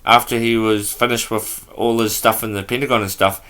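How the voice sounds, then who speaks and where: A man's voice: on the low side, flat delivery, normal speed, sharp tone. A man hosting a podcast in a casual, offhand way, reading aloud from notes and stumbling over words as he goes. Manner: offhand and loose. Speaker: podcast host.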